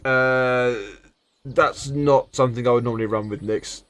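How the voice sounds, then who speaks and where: A man's voice: mid-range voice, steady tone, a little slow, fairly bright tone, no echo. A man narrating a tabletop game as game master, stammering through restarts and chuckling at the table.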